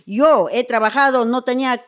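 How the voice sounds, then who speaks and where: A woman's voice: on the high side, moderate pace, clean tone. Blunt Peruvian woman giving advice. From Peru. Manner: blunt, scolding, swears and repeats herself. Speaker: show host. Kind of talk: casual advice chat.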